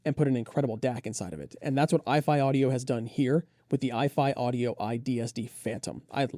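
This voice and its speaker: This man co-hosts a gear review and reviews audio equipment, going through detailed product specs with enthusiasm in a conversational tone. He talks fast in a mellow, medium-pitched voice. The studio-quality recording has no echo.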